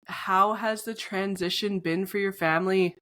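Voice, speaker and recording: A woman's voice: mid-range voice, steady tone, moderate pace, pushed and bright. A woman co-hosting a podcast, chatting in a cheerful, enthusiastic way. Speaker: podcast co-host. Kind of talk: casual chat.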